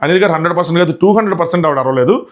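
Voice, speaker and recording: A man's voice: on the high side, rapid-fire. A man giving a casual spoken review of a TV show. He mixes in English phrases and acts out quotes from others.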